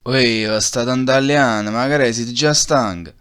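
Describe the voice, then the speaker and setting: A man's voice: mid-range voice, unhurried, a bit bright, clear, resonant tone, lightly acted. A man voicing a taunting, threatening alien warrior villain with a Neapolitan accent in an amateur cartoon parody dub. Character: menacing, mocking male alien warrior villain. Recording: music behind the voice.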